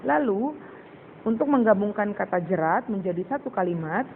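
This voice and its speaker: A woman teacher giving a patient recorded lesson to children, slowly sounding out syllables and repeating words. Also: mid-range voice, animated. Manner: addresses pupils as "Nak". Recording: tinny phone-like recording with faint hiss.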